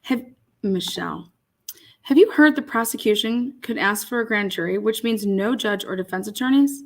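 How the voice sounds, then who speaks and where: A woman's voice: mid-range voice, normal speed. A woman co-hosting a casual livestream, reading viewer comments aloud, laughing often and swearing casually. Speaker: livestream co-host.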